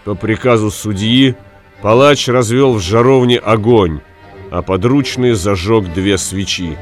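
A man reading a story aloud as narrator, in a measured way that drops at the ends of phrases. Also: lowish voice, soft background music. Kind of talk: audiobook reading.

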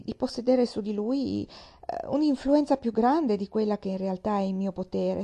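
A woman reading the part of Anne Elliot, a reserved young woman who speaks in an earnest, measured way. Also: medium pitch, mellow, muffled recording, natural voice.

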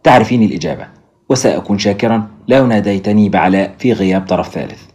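A man's voice: fairly low pitch, quick pace, darkish tone, lightly acted. A man reading an earnest young doctor. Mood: urgent. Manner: urgent, pressing questions.

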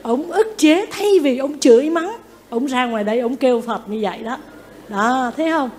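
A Buddhist nun giving a lively dharma talk, often asking her listeners questions and acting out what people say. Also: high-pitched, normal speed, slight background noise. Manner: lively, asks the audience questions, acts out quotes. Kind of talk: sermon.

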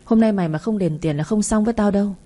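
A woman voicing a loud, bullying swindler woman in a storybook reading, shouting accusations and wailing for bystanders. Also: medium pitch, quick pace, lightly acted. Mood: accusing.

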